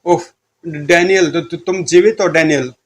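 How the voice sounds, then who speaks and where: A man's voice: a little high, steady tone, a little slow, natural voice. A man voicing a fierce young woman who defies and curses her enemy. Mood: defiant. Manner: defiant, cursing.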